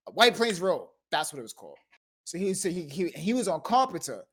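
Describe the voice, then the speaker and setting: Animated storytelling man from the Bronx. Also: high-pitched, a little fast, slightly rough. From the Bronx, New York. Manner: animated storyteller who laughs often and acts out quotes. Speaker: streamer and discussion host. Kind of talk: casual group chat on a live stream.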